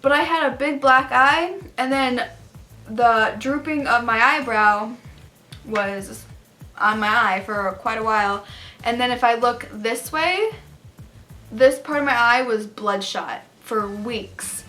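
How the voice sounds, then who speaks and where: Bright, high-voiced young woman telling chatty stories. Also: slow, soft background music, rough recording. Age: young adult. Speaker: storytime vlogger. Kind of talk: casual confessional storytelling to camera.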